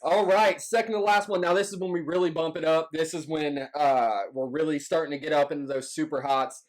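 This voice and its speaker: A man's voice: on the high side, fairly even intonation, brisk. A man hosting a casual challenge vlog, talking informally and repeating phrases for emphasis. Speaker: host of a hot wings challenge.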